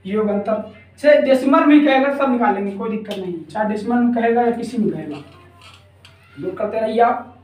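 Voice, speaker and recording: A woman's voice: a little high, fairly quick, a little mellow, roomy sound, distant mic, soft background music, low-quality recording. A woman teaching a maths lesson step by step in speech, repeating points and asking rhetorical questions. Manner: repetitive, asks rhetorical questions, often checks with "ठीक है ना".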